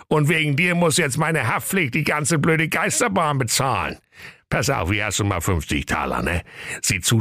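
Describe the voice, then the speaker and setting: A man's voice: mid-range voice, a bit bright, no room sound, studio quality, voice pushed up. A man voicing a grumpy father who scolds his son in a comic radio fairy tale, nagging and exasperated.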